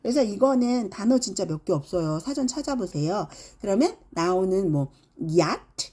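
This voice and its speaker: A woman's voice: medium pitch, expressive, normal speed, dark tone. A middle-aged woman teaching English phonics, demonstrating each sound with exaggerated examples. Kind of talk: phonics lesson.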